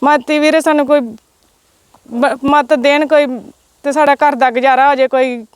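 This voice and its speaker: A woman's voice: sits high, fairly even intonation, normal speed, no echo. A young woman with a Punjabi accent from the Majha region, speaking in an interview outdoors, distressed and repeating herself. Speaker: fire victim interviewed. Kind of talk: emotional testimony. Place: outdoors in a village.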